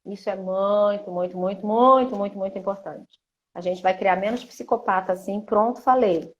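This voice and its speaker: Uma mulher brasileira, psicóloga, falando numa live com jeito de conversa, encenando diálogos entre mãe e filho. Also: female voice, mid-range voice, normal speed, highs cut off. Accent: Brazilian Portuguese. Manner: chatty, acts out parent-child dialogues. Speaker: psychologist and mentor. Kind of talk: live-stream talk on emotions.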